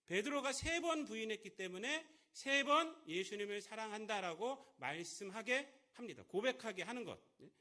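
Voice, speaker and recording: A man preaches from the pulpit with a high, bright voice that leaps up and down in lively swings. He keeps pressing the congregation with rhetorical questions and moves between loud emphatic lines and soft asides. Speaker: pastor. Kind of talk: sermon. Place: church.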